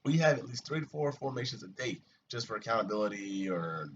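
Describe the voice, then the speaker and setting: A man's voice: medium pitch, a little fast. A man chatting casually and at length about his army routine, swearing often and venting, recorded from a distance with muffled sound. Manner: rambling, profane and animated. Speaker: soldier vlogger. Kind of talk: casual chat. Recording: distant, muffled mic with light hiss.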